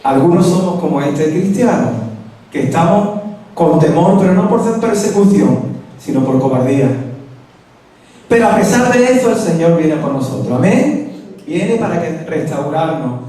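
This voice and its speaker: Andalusian man preaching in a church; animated storyteller who plays the voices, heard from a distance in a very echoey hall. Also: normal speed. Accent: Andalusian Spanish. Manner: storytelling, acts out quoted voices with raised pitch. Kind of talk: sermon.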